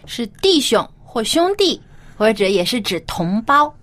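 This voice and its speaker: Lively, high-voiced woman hosting for children. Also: unhurried. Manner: expressive, addressing young children. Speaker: children's radio show host. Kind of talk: educational children's broadcast, explaining English phrases and Bible lessons.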